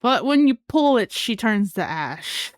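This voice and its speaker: A woman's voice: a little high, sing-song, measured pace, no echo, clean studio sound. A woman narrating as game master in a tabletop game, casual and a bit hesitant.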